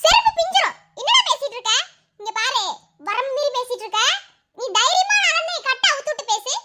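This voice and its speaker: A woman's voice: very high voice, very animated, a little fast, sharp tone, heavily acted. A woman voicing a feisty, scolding young kidnapped wife in a combative, melodramatic comic story. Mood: threatening.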